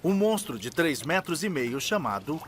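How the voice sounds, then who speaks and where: A man's voice: on the high side, sing-song, normal speed, background noise. A man narrating a scripted nature documentary in a dramatic manner. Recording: loud music behind the voice. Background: loud music.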